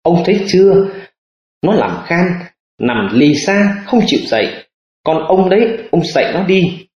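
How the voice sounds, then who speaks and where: A man's voice: sits high, sing-song, unhurried, darkish tone, roomy sound, dull audio, voice pushed up. A man voicing a cruel, cursing middle-aged stepmother in an audiobook, scolding and hissing. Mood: furious.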